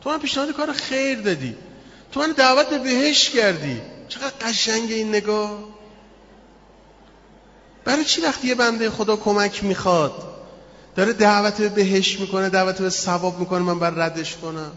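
A man preaches a sermon and tells a story with lively expression, acting out the voices of its people. His voice sits high. It echoes through a reverberant hall, and the recording sounds dull and muffled. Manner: expressive, acts out quotes in the story.

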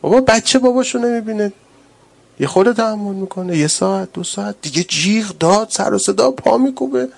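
A man preaching a sermon with great passion, rising to loud urgent cries and dropping to hushed, tender speech. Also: high-pitched, animated, vocal fry.

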